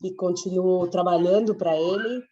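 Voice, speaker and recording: A woman with a cold, hoarse, speaking softly and reflectively in an online study group. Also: fairly low pitch, fairly even intonation, normal speed, slight background noise. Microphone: video call. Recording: muffled distant video call audio.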